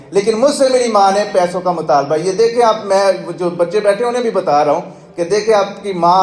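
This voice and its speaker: A man's voice: high-pitched, echoey room. A man giving a sermon, telling a moving story and acting out the quoted speech before drawing its lesson. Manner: tells a moving story with voiced quotes, then preaches. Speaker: religious speaker.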